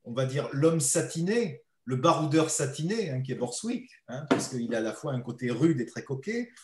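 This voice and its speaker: A man's voice: mid-range voice, normal speed, heavy background noise. A man with a southern French accent, a co-author teasing his partner while presenting a book at a public talk. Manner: teasing, animated storyteller. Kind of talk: playful talk at a book event. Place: talk venue with audience. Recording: roomy echo.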